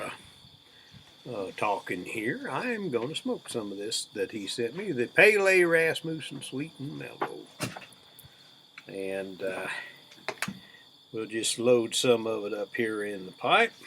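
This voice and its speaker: Slow-drawling folksy man, crickets behind. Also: fairly low pitch. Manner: folksy, unhurried cowboy drawl. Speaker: video host. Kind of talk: casual rambling chat to viewers. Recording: steady background noise with chirping crickets.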